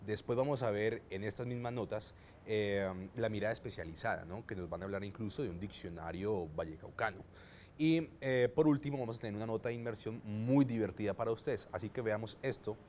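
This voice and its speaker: A man's voice: on the low side, a little fast, a little mellow, a little hiss or hum. A man with a Colombian accent, hosting and introducing the segments of a TV magazine show. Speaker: host.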